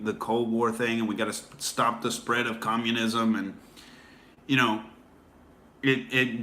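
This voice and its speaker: This man, hosting a laid-back livestream, has a medium-pitched voice that sounds pushed and bright. As he answers comments from viewers, he rambles, restarting sentences and leaning on plenty of fillers.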